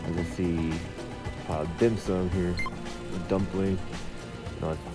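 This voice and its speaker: A man giving halting, casual gameplay commentary, his voice muffled by a face mask. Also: low voice, level tone. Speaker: gamer narrating own gameplay video. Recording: game music and gunfire behind. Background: game music, gunfire, vehicle sounds.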